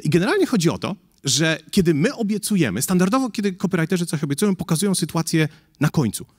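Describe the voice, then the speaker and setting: A man's voice: a little high, sing-song, fast, breathy edge. A man giving a casual conference presentation, chatty and jokey, often asking the audience questions and talking with many fillers. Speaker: conference speaker.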